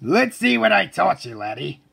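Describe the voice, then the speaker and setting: A stern cartoon drill sergeant of a driving teacher. His voice is high for a man, creaky and rough. He barks orders with military bluster, his pitch jumping about. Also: big pitch swings, moderate pace, fairly bright tone, exaggerated voice. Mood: approving. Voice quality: gravelly, husky. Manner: barking, commanding, military. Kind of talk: cartoon voice acting.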